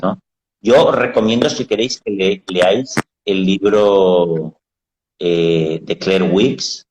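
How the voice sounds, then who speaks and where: A man with a lowish voice talks frankly and plainly, explaining ideas in blunt everyday words. The sound carries a noticeable echo from the room. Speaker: psychologist host. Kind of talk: casual live talk.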